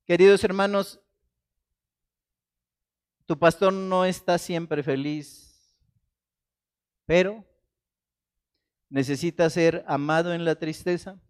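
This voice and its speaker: A man from Mexico with a high-pitched voice preaches a Sunday sermon. He swings between raised, forceful emphasis and quiet, hushed quotations of scripture. The delivery is dramatic and personal. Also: clean tone. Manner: dramatic, shifts between loud emphasis and soft quoted asides. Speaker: pastor. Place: church.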